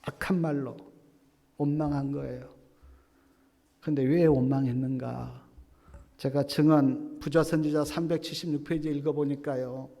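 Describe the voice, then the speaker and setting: A male pastor preaching a sermon, swinging from loud exclamations to hushed whispers and acting out quoted prayers. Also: fairly high pitch, fairly even intonation, moderate pace, gravelly, long pauses. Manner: acts out quoted prayers and complaints. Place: church sanctuary. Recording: long hall reverb.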